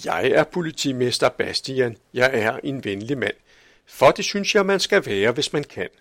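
A man voicing a kindly, easygoing police chief in a storybook reading, speaking in a gentle, sing-song way. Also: mid-range voice, lively intonation, no echo, studio quality. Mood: friendly.

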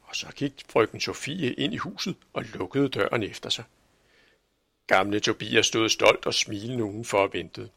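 A man narrating a children's storybook in an expressive way. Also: on the low side, creaky, breathy edge, dry recording. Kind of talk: storybook reading.

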